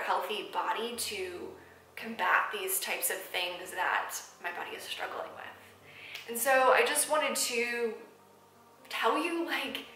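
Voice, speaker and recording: A woman's voice: medium pitch, sharp tone, slight background noise. Twenties woman vlogger, emotional and candid, lots of ums, echoey room. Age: 20s. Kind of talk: personal vlog talking to camera. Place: apartment room.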